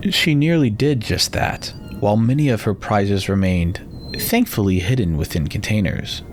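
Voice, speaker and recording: A man's voice: lowish voice, animated, normal speed, a little hiss or hum. A man giving a dramatic scripted narration of a fantasy novel as its narrator.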